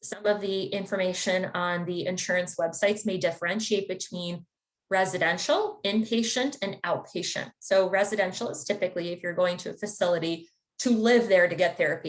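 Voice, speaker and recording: A woman's voice: fairly low pitch, a little fast. A woman from the Chicago area, a therapist, giving an informative webinar talk in a conversational, explanatory way. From Chicago area, United States. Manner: conversational and explanatory, with occasional fillers. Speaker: therapist presenting a wellness webinar.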